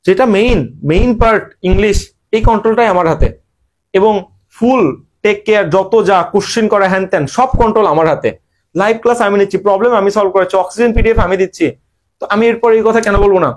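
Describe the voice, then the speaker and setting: A young man with a Bangladeshi Bengali accent speaks quickly in a high voice. He teaches English grammar in an online admission-prep lesson, drilling students with rhetorical questions.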